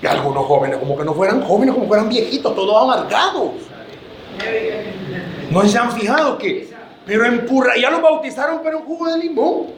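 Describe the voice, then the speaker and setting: A man's voice: sits high, lively intonation, fairly quick, long pauses, echoey room, a crowd in the background. A man preaching a sermon to his church, joking and calling his listeners brother.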